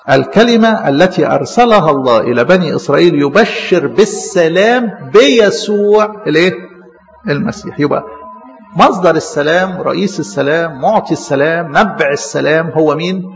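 A man's voice: a little high, creaky. A man preaching a Bible sermon in Egyptian Arabic, putting questions to the congregation and answering them himself. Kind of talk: call-and-response Bible sermon. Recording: muffled hall recording with long echo.

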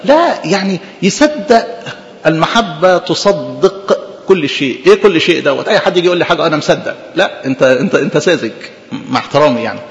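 A man with an Egyptian accent preaching a sermon in an animated, conversational way, full of rhetorical questions. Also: a little high, racing, in a large hall, muffled recording. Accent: Egyptian Arabic.

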